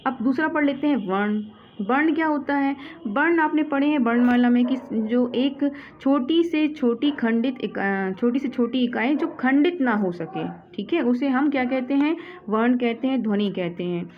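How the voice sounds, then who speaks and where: A woman's voice: high voice, moderate pace. A woman teaching Hindi grammar who asks her class questions and then answers them herself, often repeating "ठीक है". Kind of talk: classroom explanation. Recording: slightly dull audio with faint background noise.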